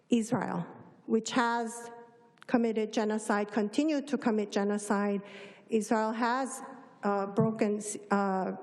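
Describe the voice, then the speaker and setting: A woman speaks very slowly at a public meeting, hesitating and pausing often as she makes her comment. Her mid-pitched voice carries a long hall reverb. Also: darkish tone. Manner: halting, hesitant, frequent long pauses. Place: large indoor council chamber.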